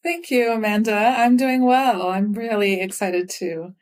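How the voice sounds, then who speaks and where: Brief: mid-pitched woman guest, thoughtful, laughs lightly between points. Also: measured pace, darkish tone. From Belgium and the U.S. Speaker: podcast guest. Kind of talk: casual podcast interview.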